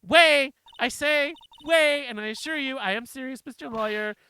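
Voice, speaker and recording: Woman doing a high, whiny young woman witness, coy sing-song, bright tone, lively. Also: moderate pace, slight background noise, heavily acted. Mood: coy teasing. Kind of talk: live game voice-over reading.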